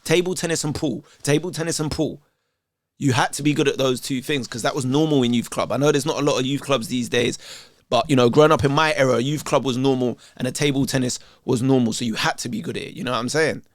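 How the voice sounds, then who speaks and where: A man's voice: medium pitch, fast, no echo, clean studio sound. A man, chatting casually while he reacts to videos, streetwise and loose. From England. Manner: chatty, streetwise, says "you know what I'm saying" often.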